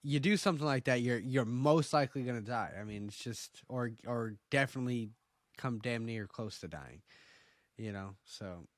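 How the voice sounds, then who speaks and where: A man's voice: medium pitch, normal speed, dry recording, clean studio sound. A man from Oklahoma co-hosting a casual TV episode review, opinionated and rambling, with frequent restarts. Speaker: podcast co-host.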